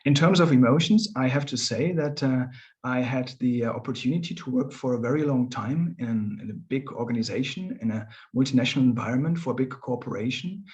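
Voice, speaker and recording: A man's voice: mid-range voice, brisk, darkish tone, muffled recording. A middle-aged man, a coach, presenting in a friendly, loose way on a webinar. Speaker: coach and former manager. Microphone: video call.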